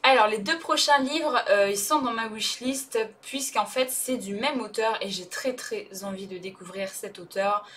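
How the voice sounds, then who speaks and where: A woman's voice: a little high, normal speed, hardly any pauses, fairly bright tone, slight background noise. Chatty, hesitant woman book vlogger. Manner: hesitant, chatty, many fillers and restarts. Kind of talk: casual vlog chat.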